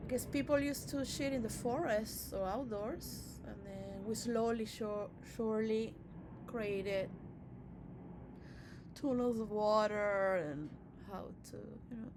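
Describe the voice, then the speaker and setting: A woman's voice: fairly high pitch, fairly even intonation, slow, background noise. A woman from Venezuela whose first language is Spanish, vlogging in a meandering, blunt monologue that swears freely. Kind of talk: casual rambling monologue. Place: recorded at her own setting, she shows on camera.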